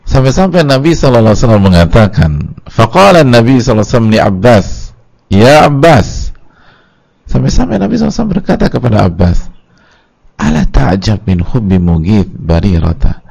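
A man with an Indonesian accent preaching at a religious study lecture, telling a story with lively, acted-out quoted voices. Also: mid-range voice, fairly quick, gravelly. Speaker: Islamic preacher.

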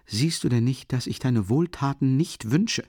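A man reads an audiobook, voicing a sick, bitter young man who begs to be left alone. He speaks at a mid-range pitch raised above his own voice while still sounding natural, with lively intonation at a moderate pace in clean studio sound with no room echo. He starts quietly, then turns to frantic pleading.

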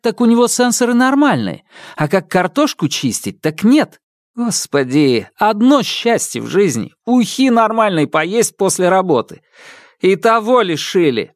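A man's voice: sing-song, takes it slowly, few pauses, a little mellow, no echo, studio quality. A man voicing a hot-headed young male inventor who rants in a raised, indignant voice. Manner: shrill, ranting, indignant.

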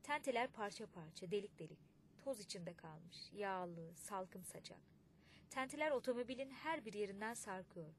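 A woman reading a literary audiobook in a measured, expressive way. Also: mid-range voice, slight background noise. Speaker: audiobook narrator.

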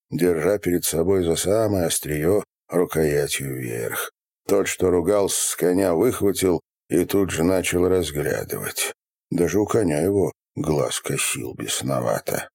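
A man narrating an audiobook in an expressive storytelling manner. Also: a bass voice, gravelly, slightly rough, no room sound.

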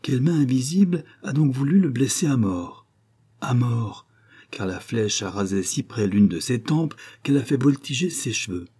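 A man reading a classic adventure novel aloud in measured, scripted storytelling narration. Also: medium pitch, animated, mellow, breathy edge. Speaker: audiobook narrator.

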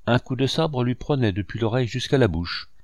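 An audiobook narrator reads a first-person memoir aloud, measured and expressive in his storytelling. His voice is mid-range, and the recording is dry with clean studio sound.

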